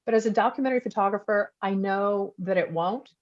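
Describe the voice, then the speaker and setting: A woman's voice: mid-range voice, brisk. A woman from Texas, an author and documentary photographer, talking casually and reflectively with many restarts during an online event. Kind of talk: casual talk answering audience questions. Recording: dull lo-fi video call audio.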